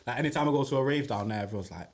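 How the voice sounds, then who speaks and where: A man, a DJ guest chatting casually on a podcast in a laid-back way that trails off quietly. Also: medium pitch, very fast. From northern England. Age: 30s.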